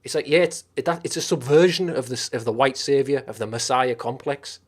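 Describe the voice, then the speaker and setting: A man with a Teesside English accent hosts a live stream, reading and answering viewer comments in a casual chat. His mid-range voice runs a little fast, and he rambles and swears, restarting often.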